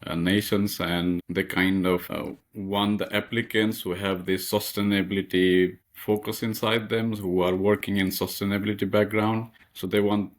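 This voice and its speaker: A man's voice: fairly low pitch, flat delivery, moderate pace, few pauses. A young man from Nepal, a master's student being interviewed, who speaks hesitantly with lots of fillers. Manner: hesitant, many fillers and restarts.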